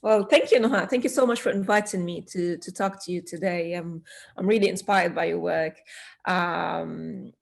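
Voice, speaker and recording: A woman from Syria, speaking as a guest in an interview. Her voice sits low and has a gravelly edge. She talks with earnest passion, often restarting a word or two before finishing her thought. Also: moderate pace. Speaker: children's author, guest. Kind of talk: conversational interview answers.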